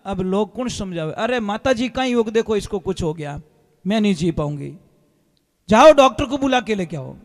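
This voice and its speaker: A man's voice: high-pitched, normal speed, darkish tone, lightly acted. A man voicing a stubborn, doting old woman devotee in a sermon story, with long hall reverb. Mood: frantic. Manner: pleading, scolding village speech.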